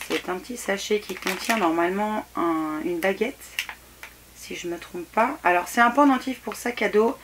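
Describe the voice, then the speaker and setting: A woman vlogger chats casually while unboxing something, frank and mildly critical. She hesitates a lot, with many fillers and restarts. Her pitch is fairly low and the background is noisy.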